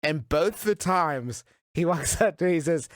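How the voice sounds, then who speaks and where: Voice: mid-range voice, lively intonation, unhurried, no echo. A podcast co-host chatting loosely about a comedy film, laughing often and cursing casually. The voice sits mid-range but jumps around a lot. The recording is dry and close.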